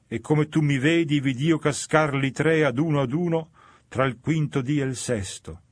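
Guy reading as a broken starving old count, mournful and low, dry close sound. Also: no room sound, natural voice. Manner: solemn, mournful, low and subdued. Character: starving, grief-stricken old male count. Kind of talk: dramatic verse recitation.

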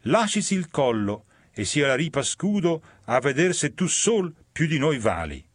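A man's voice: a little high, very animated, moderate pace, no room sound, clean studio sound, pitched above the performer's own voice. A man voicing a taunting, boastful male winged demon in a dramatic verse reading, with a challenging manner.

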